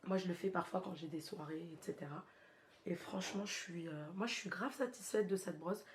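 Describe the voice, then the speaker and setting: Stuffed up with a head cold, a beauty vlogger gives her viewers a chatty, slangy hair tutorial while demonstrating. Her voice is on the low side and brisk, with slight background noise.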